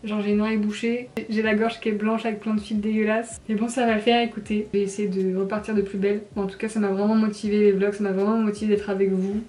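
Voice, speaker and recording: A vlogger in her twenties chats casually and confidingly to a camera held at arm's length in a small tiled bathroom, where a clear echo surrounds her voice. She talks quickly with little pitch movement, and her tone sounds congested, nasal and darkish.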